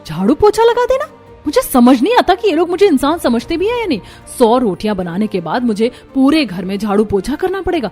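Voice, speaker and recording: A woman's voice: mid-range voice, big pitch swings, a little fast, hardly any pauses, darkish tone, husky, faint music behind. A woman voicing an overworked young daughter-in-law in a cartoon, complaining and exasperated. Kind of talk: Hindi cartoon voice acting.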